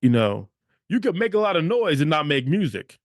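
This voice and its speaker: A man hosts a motivational podcast, speaking emphatically, repeating phrases, and checking in with listeners by asking "okay?". His voice sits on the high side with big pitch swings and a moderate pace. The recording is studio quality with no room sound.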